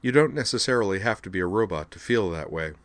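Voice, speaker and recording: A man voicing a proud young woman pleading her case with steady, measured conviction. The delivery is soft-spoken and earnest in a dry, close recording, rooted in a low voice. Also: no room sound, natural voice. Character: young woman speaking before a board, defiant. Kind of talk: audiobook dialogue.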